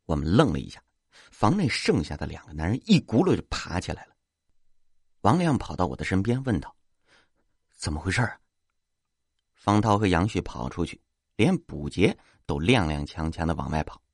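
Husky-voiced male storyteller. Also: low voice, very animated, a little fast, no room sound, clean studio sound. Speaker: narrator. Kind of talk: storytelling narration.

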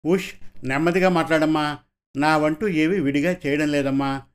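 Male reader plays a soft-spoken, devoted young wife in an audio story. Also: a little high, fairly even intonation, moderate pace, close to an everyday voice. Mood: calm.

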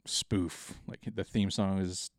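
Low-voiced joking podcast co-host man. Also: takes it slowly, dry recording, clean studio sound. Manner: joking, animated storyteller. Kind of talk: casual chat.

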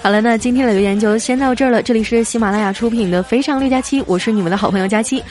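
A woman with a fairly high voice hosts a comedy segment and reads listener jokes in a playful, storytelling way. She stretches her sentence-end particles. Faint music plays softly behind her. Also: racing. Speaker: radio show host. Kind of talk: reading listener jokes aloud.

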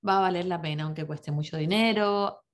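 A woman's voice: fairly low pitch, fairly quick. A woman hosting an interview podcast, speaking in a reflective, encouraging way to her listeners. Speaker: podcast host. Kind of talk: conversational interview.

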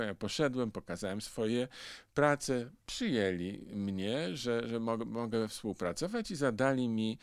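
A man's voice: lowish voice, dry recording. A man in his sixties from Poland, telling stories about his career in an interview and acting out the dialogues. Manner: lively storyteller who acts out dialogues. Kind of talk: casual storytelling.

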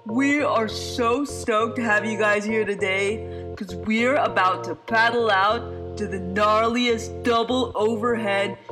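A woman playing a stoked, laid-back surf instructor in a scripted skit, using surfer slang with drawn-out exclamations. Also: a little high.

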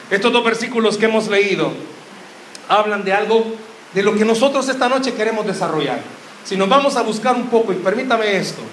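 A young man preaching, his voice pitched high and cutting, as he teases the congregation and keeps firing questions at them. The sound rings around a roomy church hall. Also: fairly bright tone, a little hiss or hum. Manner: joking, quizzes the crowd with questions. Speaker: youth preacher. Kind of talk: sermon.

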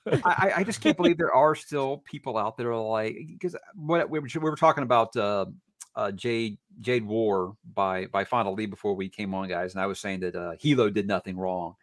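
A man's voice: lowish voice, moderate pace, no room sound, studio quality. A man hosting a podcast, chatting casually and jokingly with many restarts. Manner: animated, jokey, many restarts. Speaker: podcast host. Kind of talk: casual chat.

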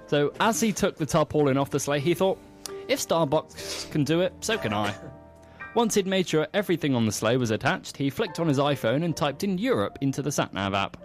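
A man's voice: a little high, animated, brisk, faint music behind. Playful man telling a comic story. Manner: playful, teasing asides.

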